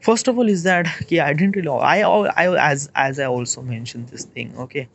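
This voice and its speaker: A man in his late twenties with an Indian English accent, thinking aloud in a rambling, halting monologue and checking in with "okay?" as he goes. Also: a little high, vocal fry, a bit bright, slight background noise. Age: 20s. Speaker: vlogger. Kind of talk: casual reflective monologue.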